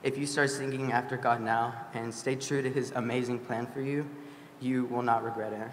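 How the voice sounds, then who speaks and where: A man's voice: mid-range voice, fairly even intonation, normal speed, slight background noise. A graduating senior boy in his late teens earnestly reading an apologetic farewell speech at a school chapel podium. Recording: echoey chapel with long reverb.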